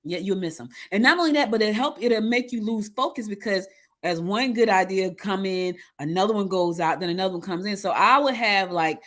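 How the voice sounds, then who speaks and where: A woman hosting a casual interview, telling her own stories in an animated way with frequent restarts. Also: mid-range voice, brisk. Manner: animated storyteller, many restarts. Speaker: interview host.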